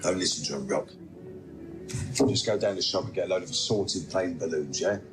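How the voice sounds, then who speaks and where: Actor as deep-voiced, blunt British gang elder. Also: male voice, moderate pace, lightly acted, low-quality recording. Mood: firm, protective. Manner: blunt, commanding. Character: blunt male gang elder, protective, quick to anger. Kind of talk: TV crime drama dialogue. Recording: music behind the voice.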